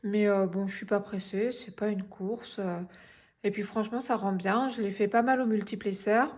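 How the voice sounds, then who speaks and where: A woman speaking at an ordinary middle pitch in a relaxed, chatty vlog. She talks through her finished craft piece, pausing often and correcting herself as she goes. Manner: relaxed, chatty, many hesitations and self-corrections. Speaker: vlogger reviewing her finished diamond painting. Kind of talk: casual chatty review vlog.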